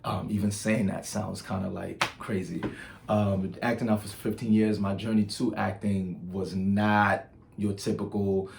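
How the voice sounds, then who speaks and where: A man's voice: on the low side, level tone, unhurried, creaky, darkish tone, slight background noise. A man from Nigeria, hosting his own channel and telling stories in a casual, chatty way full of ums. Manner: chatty and storytelling, with filler ums and restarts. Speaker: channel host. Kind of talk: casual vlog monologue.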